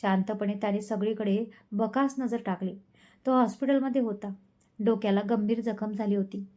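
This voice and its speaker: A woman's voice: mid-range voice, fairly even intonation, moderate pace, mellow. Woman narrating an emotional love story.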